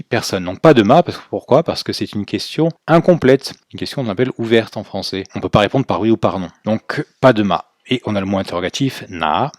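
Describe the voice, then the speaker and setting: A man's voice: fairly low pitch, a little mellow, no room sound, clean studio sound. A man teaching in a recorded video lesson, explaining step by step in a patient way, with fillers as he goes. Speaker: Chinese language teacher.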